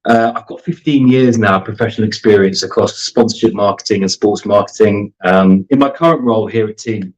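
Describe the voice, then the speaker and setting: A man in his thirties giving a guest interview, laying out his points in a clear, organized order. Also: lowish voice, a little fast, few pauses, low-quality recording. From grew up in Germany, the UK and Canada. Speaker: sports marketing team leader, guest. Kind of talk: conversational interview answers.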